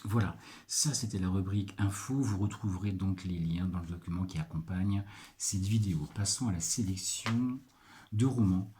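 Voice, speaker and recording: A French librarian presenting picks in a casual video, hesitant and full of filler pauses as he checks his notes. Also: low voice, warm tone, a little hiss or hum. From France.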